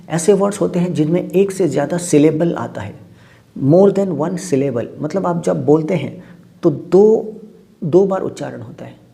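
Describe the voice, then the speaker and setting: A man's voice: fairly high pitch, vocal fry, mellow. A man teaching English grammar in Hindi, spelling words out letter by letter and saying "okay" after nearly every phrase. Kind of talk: explaining lesson in Hindi with English terms.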